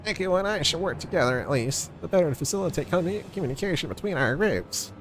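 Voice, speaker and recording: A man's voice: expressive, noisy background. A man voicing an anxious, earnest young male royal claimant in a raised voice, with game music underneath. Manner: raised pitch, slow worried delivery.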